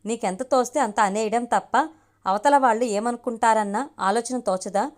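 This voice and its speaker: An earnest, gentle young man, as a woman reading the story puts him on. He reasons in a soothing, pleading way in an audiobook. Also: a little high, moderate pace, close to an everyday voice.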